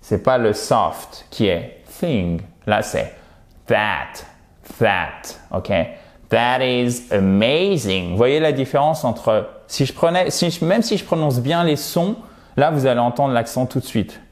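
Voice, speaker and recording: A man with a French accent teaching English pronunciation in a casual spoken lesson, lively, exaggerating the sounds and often checking in with his learners. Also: medium pitch, moderate pace.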